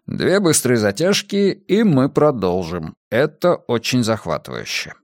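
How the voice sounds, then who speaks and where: A male audiobook narrator voicing a heavyset bearded police chief who speaks slowly and drawn-out. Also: medium pitch, sing-song, dry recording, studio quality. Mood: jovial.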